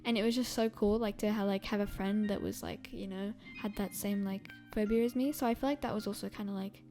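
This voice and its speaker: A young Australian woman hosts a podcast, chatting casually and rambling with lots of fillers and laughter. Her voice is medium-pitched, dark in tone, fairly quick and fairly even in intonation, with faint music behind her.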